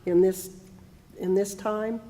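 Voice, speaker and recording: A woman's voice: mid-range voice, steady tone, slow, over a noisy crowd. A mature woman asking questions in a casual family interview. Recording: echoey room, away from mic.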